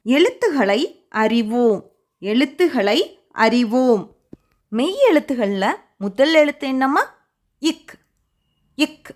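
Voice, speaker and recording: A woman from Tamil Nadu teaching a children's lesson, saying each sound and word slowly and repeating it. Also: a little high, lively intonation, a little mellow.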